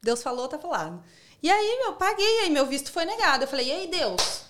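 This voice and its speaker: Over a noisy crowd, a young adult woman with a Brazilian Portuguese accent speaks in a high, sing-song voice, a little fast. She's a podcast guest telling a personal story casually and with slang, acting out the lines she quotes.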